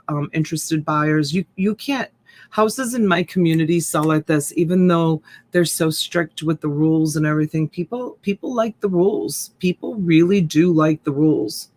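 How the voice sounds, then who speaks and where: A woman in her fifties runs a relaxed live stream as a reseller host, rambling and chatting with viewers while reading their comments aloud. Her voice sits low with a darkish tone, and she speaks at a normal speed into a USB desk mic.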